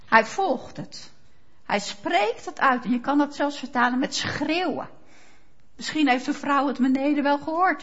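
A woman preaching with a high voice that swoops up and down. She speaks slowly and with weight, lifting her voice for fervent quoted prayers, on a dull lo-fi recording. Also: fairly bright tone. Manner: slow, emphatic, rising to fervent quoted prayers. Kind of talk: sermon. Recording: dull lo-fi sound.

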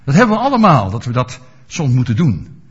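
A man's voice: medium pitch, huge pitch swings, fairly quick, breathy edge. A male preacher giving a sermon, asking his listeners rhetorical questions and explaining scripture with everyday examples. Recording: dull lo-fi recording.

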